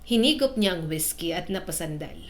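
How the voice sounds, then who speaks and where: A woman telling a romance drama story in scripted, steady narration. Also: lowish voice, moderate pace.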